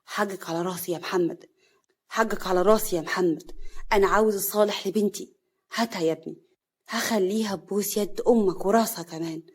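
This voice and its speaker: A woman voicing a stern older father from Upper Egypt, with a low, weary, commanding Upper Egyptian accent. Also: steady tone, quick pace, darkish tone, slightly rough, close to an everyday voice. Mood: regretful. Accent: Upper Egyptian Arabic.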